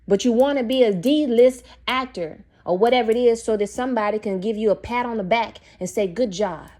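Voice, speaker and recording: A woman's voice: fairly high pitch, brisk, dark tone. A young woman giving an opinionated, preachy monologue as a video host, talking straight to her viewers. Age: young adult. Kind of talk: casual monologue to camera.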